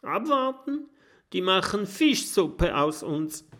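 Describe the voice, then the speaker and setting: A man voicing a young female porcupine in a children's audiobook, fearful and sharp-tongued. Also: fairly high pitch, sing-song, slow pace, creaky, voice pushed up, heavily acted. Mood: protesting.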